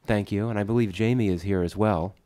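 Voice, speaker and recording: A man's voice: on the low side, steady tone, a little fast, warm tone. A man with a congested, slightly distorted head-cold voice gives a formal prepared speech at a book launch. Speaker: book co-editor, speaker at launch. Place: conference room before an audience.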